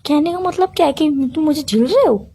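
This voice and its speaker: A woman playing an indignant girlfriend in a comedic phone-call sketch, keeping her voice hushed and pleading. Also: sits high, expressive, a little fast, vocal fry, a little hiss or hum.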